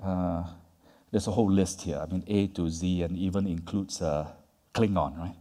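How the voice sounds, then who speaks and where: A man with a low, steady, mellow voice gives a conference lecture at a moderate pace. He talks to the audience conversationally, tagging his points with "right?" and "yeah?", and the long reverb of the large hall trails his words.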